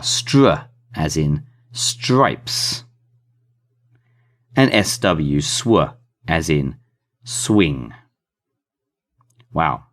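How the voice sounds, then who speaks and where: A man teaching an English phonics lesson, spelling out letters and sounding out blends with careful emphasis on each keyword. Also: low voice. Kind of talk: slow, deliberate phonics lesson.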